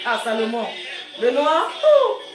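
A woman's voice: high voice, unhurried. A woman hosting a casual live stream, greeting viewers by name and scolding them in a bossy, teasing way. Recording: echoey room with loud music.

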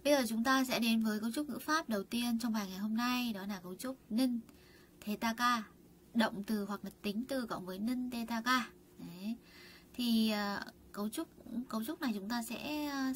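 A woman's voice: fairly high pitch, background noise. Chatty woman teaching Korean words. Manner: chatty, many fillers and rhetorical questions to students; models Korean words slowly for students to repeat. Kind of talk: online lesson explaining vocabulary and grammar.

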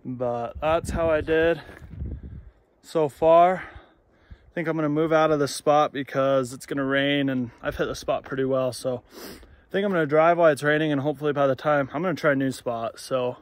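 A man's voice: on the high side, steady tone, normal speed, dry recording. A young man talking casually to a phone camera while out hunting in open country, rambling with lots of fillers. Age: young adult. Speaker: shed hunting vlogger. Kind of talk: casual outdoor vlog. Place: outdoors in open scrubland. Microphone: phone camera held close.

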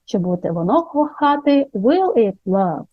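A woman teaching English grammar to Ukrainian speakers, slowly modelling each English example. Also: fairly high pitch, big pitch swings, no room sound, highs cut off.

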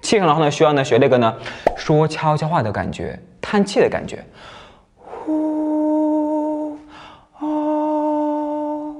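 Lively high-voiced male singing teacher. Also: quick pace, long reverb tail. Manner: patient step-by-step explaining. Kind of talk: singing lesson with sung demonstrations.

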